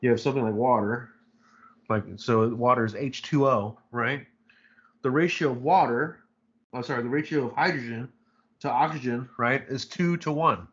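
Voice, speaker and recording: A man's voice: mid-range voice, moderate pace, fairly bright tone, breathy edge, muffled recording. A man teaching a live online chemistry lecture, talking casually and rambling, with many fillers and frequent "right?" checks. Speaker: chemistry instructor.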